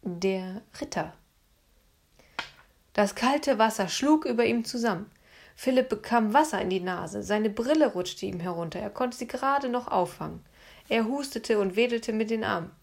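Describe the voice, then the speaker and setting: Breathy woman reading a children's story. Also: mid-range voice, animated, normal speed. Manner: hushed, suspenseful narration. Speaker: audiobook narrator.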